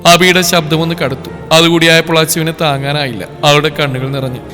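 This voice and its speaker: A man narrating a scripted story in a dramatic, even storytelling manner, with a long reverb and faint music. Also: on the high side, quick pace.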